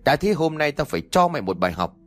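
A man's voice: fairly high pitch, very animated, fast, voice pushed up. A man voicing a stern old village father who barks threats and orders at his son. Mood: threatening. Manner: barking, hissing threats.

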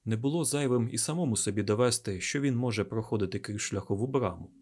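A man reading a fantasy audiobook in a steady, deliberate storytelling manner with dramatic pauses. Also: on the low side. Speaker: audiobook narrator.

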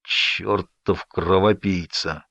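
A man reading an audiobook, voicing a hostile young man with a low, clipped, cold delivery. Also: expressive, moderate pace, darkish tone, dry recording, lightly acted. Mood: curt, menacing. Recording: dry, slightly dull audiobook recording.

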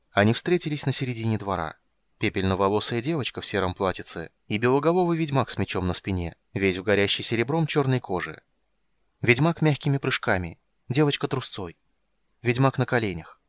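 A man reads a fantasy tale aloud in a calm, even voice. The recording is dry and close, with no room sound. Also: medium pitch, dry recording. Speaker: narrator. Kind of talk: audiobook narration.

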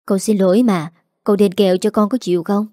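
A woman voicing a kind young gentleman in a storybook, gently coaxing a child. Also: medium pitch, fairly even intonation, quick pace, dry recording, studio quality, natural voice.

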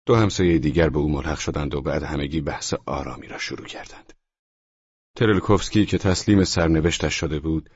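A man narrating an audiobook in a measured, tense storytelling voice that sometimes drops to a whisper. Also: a bass voice, slightly rough, dry recording, highs cut off. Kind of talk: scripted narration.

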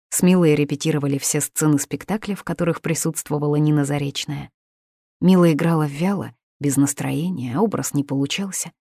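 Woman narrator, audiobook reading, low voice, dry close sound. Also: a little mellow, no room sound.

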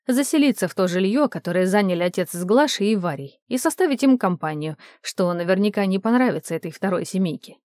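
A woman narrating an audiobook in a measured, even manner. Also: mid-range voice, dry recording, clean studio sound. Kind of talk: audiobook reading.

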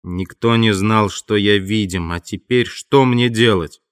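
A man's voice: lowish voice, measured pace, clear, resonant tone, no echo, clean studio sound, close to an everyday voice. A man voicing a menacing invisible man who gives curt, threatening commands, in an audiobook.

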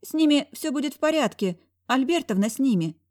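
A woman voicing a sharp-tongued young woman, the heroine's blunt best friend, in an audiobook. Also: fairly high pitch, brisk, voice pushed up, close to an everyday voice. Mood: soothing. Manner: scolding, blunt.

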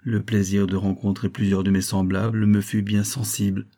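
A man reading a classic short story aloud as an audiobook, in a measured storytelling manner. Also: fairly low pitch, little pitch movement, warm tone. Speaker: audiobook reader. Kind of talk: scripted literary narration.

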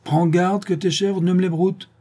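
A man's voice: sits high, flat delivery, normal speed, mellow, breathy edge, voice pushed up. A man voicing a bad-tempered old farmer and father who roars and mocks in coarse words. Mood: gruff. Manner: roaring, coarse, mocking.

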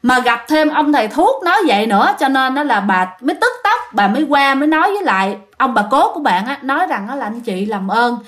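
A woman's voice: high voice, big pitch swings, fast talker, hardly any pauses, fairly bright tone. A woman with a Southern Vietnamese accent telling a ghost story, chatty and talking straight to her listeners. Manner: chatty, addressing listeners directly.

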